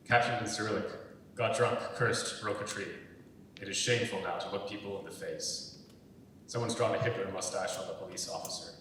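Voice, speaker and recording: A man reads screenplay stage directions aloud as scripted narration, his voice a little fast and a bit bright. He's recorded from far off in an echoey hall with rumbly noise.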